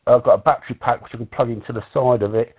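A man's voice: mid-range voice, steady tone, very fast, husky. A man from the UK chatting casually on a ham radio net, rambling with many restarts. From United Kingdom. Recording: tinny radio audio.

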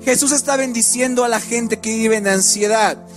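A man's voice: extremely high pitch, fairly even intonation, normal speed. A man preaching a sermon with a sing-song cadence, often repeating words as he goes. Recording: faint music behind.

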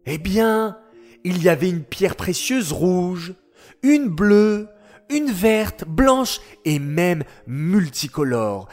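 A man voicing a patient, knowing boy who explains things slowly in a children's story. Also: high-pitched, sing-song, a little mellow, faint music behind, full character voice. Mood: patient, warm.

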